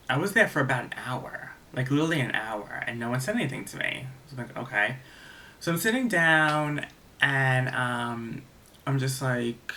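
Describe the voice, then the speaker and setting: Bright-voiced young man rambling. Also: mid-range voice, a little hiss or hum. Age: young adult. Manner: rambling, filler-heavy, profane. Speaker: storyteller. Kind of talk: casual storytime.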